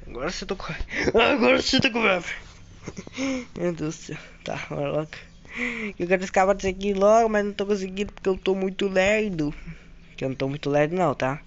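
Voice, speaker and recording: Excitable Brazilian gamer, lo-fi sound. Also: male voice, fairly high pitch. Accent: Brazilian Portuguese. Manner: excitable, repeats phrases, narrates his own moves to viewers. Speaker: gaming channel host. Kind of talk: let's-play commentary.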